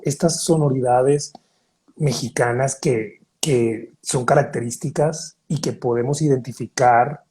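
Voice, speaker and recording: A man's voice: medium pitch, warm tone. A man hosting an interview, speaking in a thoughtful, reflective way about what he learned. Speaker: host. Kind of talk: casual interview chat.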